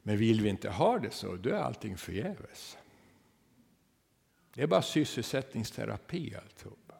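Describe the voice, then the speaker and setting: Long church-hall reverb surrounds a man delivering a sermon in a lowish, creaky voice with big pitch swings. He alternates loud, emphatic stretches with hushed near-whispers and tags rhetorical questions with a quick "va?".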